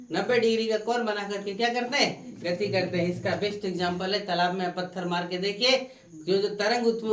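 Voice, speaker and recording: A woman teaching a science class, repeating key points and asking the class questions for them to answer. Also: medium pitch. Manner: repetitive questioning, prompts students to answer. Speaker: science tutor. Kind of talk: classroom lecture with call-and-response questions. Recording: echoey room, far from the mic.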